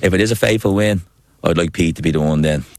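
Quick, low-voiced young Irish man chatting. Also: no room sound, studio quality. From Ireland. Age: 30s. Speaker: reality show contestant being interviewed. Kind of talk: casual interview chat.

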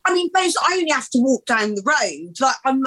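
A woman in her thirties talks openly as an interview guest, her voice sitting a little high. She is bubbly and blunt, swearing often and calling the host "babes". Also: sing-song, brisk, sharp tone, rough recording. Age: 30s. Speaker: podcast guest. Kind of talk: candid interview talk.

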